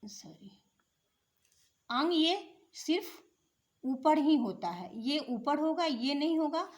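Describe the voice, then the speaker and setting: Slow, high-voiced woman teaching young children. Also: expressive. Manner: patient, repeats and asks the class questions. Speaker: primary school teacher. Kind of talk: slow classroom explanation of letters.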